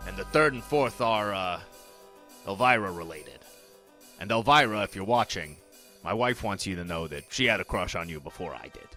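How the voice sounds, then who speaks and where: A man's voice: lowish voice, pushed and bright. A man playing a jolly ghoul horror host, presenting in a campy, theatrical way with slangy, folksy address to his audience. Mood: enthusiastic, joking.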